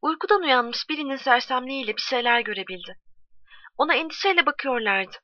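A woman's voice: high-pitched, animated, brisk, no room sound. Woman reading a story in a dull, dry recording. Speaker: narrator.

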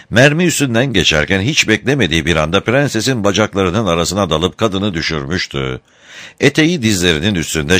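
A man narrating a novel as an audiobook, in a scripted, expressive storytelling manner. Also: low-pitched, no room sound.

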